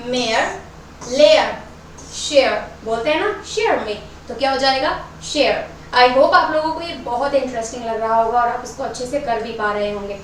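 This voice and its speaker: A high-voiced woman teaches English pronunciation and reads example words one at a time, stopping often to check that it is clear. Her voice comes from some distance off the mic. The room is very echoey, with a faint hiss of noise underneath. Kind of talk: online lesson, explaining rules and reading example words.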